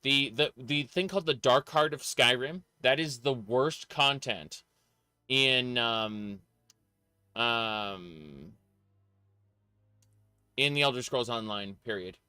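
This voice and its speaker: A man's voice: mid-range voice, slow, long pauses, sharp tone, clean tone, no echo. A man giving casual live gameplay commentary as a streamer, rambling and opinionated, repeating phrases for emphasis. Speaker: game streamer. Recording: dry close voice over faint music. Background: faint game music.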